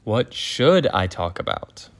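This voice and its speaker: A man voicing a bright green male engine who is earnest and literal and recites facts, in a fan audio drama. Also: fairly low pitch, sing-song, slow, creaky, full character voice.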